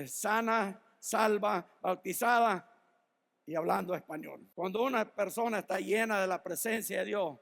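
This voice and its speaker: A man's voice: sits high, a little slow, vocal fry, a bit bright, long reverb tail. A man preaching a sermon as pastor, reading Bible verses and telling stories, sometimes laughing at them. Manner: storytelling, laughs at his own stories; reads Bible verses then applies them to the listeners.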